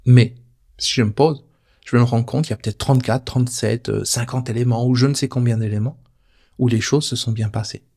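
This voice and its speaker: A man's voice: medium pitch, fairly even intonation, brisk, warm tone. A man giving a casual spoken lesson, talking straight to the listener in an informal, playful way. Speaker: personal development teacher. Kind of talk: casual spoken teaching video.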